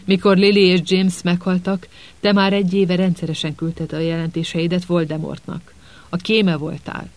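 A man's voice: sits high, flat delivery, no room sound. A man voicing a furious, vengeful grown male wizard who hisses his words. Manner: hissing, seething.

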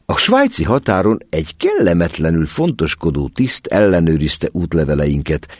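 A man narrating a story aloud as an audiobook, in an expressive storytelling manner. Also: sits low, dry recording. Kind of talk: scripted narration.

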